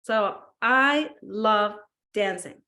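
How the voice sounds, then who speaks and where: A woman's voice: mid-range voice, very slow, bright, forceful tone. A woman from Peru, a guest in a casual interview chat, telling stories with animation, acting out quotes and laughing often. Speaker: guest, wellness business owner.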